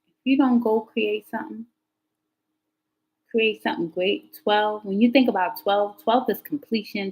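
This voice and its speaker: On a low-quality recording, a woman running a live tarot stream talks casually to her viewers. She rambles through stories, and her pitch jumps whenever excitement takes hold.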